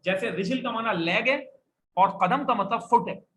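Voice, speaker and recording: Bright-voiced teacher drilling his class. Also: high voice, normal speed. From Pakistan. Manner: call-and-response, repeats words for students to echo. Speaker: Arabic teacher. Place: classroom with a board and students. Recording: echoey classroom with faint noise.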